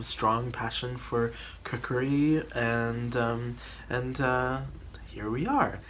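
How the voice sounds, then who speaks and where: A man's voice: medium pitch, pushed and bright, a little hiss or hum. A man from the Philippines hosting his cooking channel, chatting casually to a camera on a tripod, rambling with restarts and little laughs.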